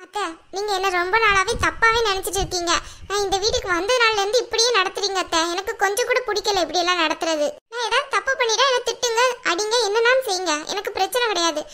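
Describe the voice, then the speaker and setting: Cartoon part: young wife falsely blamed, pleading, protesting, very high and bright, a woman voices her. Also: fast. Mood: aggrieved. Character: young daughter-in-law wife, defensive and wronged. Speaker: daughter-in-law. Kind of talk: cartoon voice acting.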